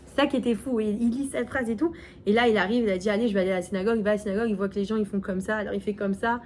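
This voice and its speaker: A woman's voice: medium pitch, fairly even intonation, racing, a little mellow, slight background noise. A woman telling a story in a casual teaching talk, chatty, full of fillers and restarts, acting out the quotes.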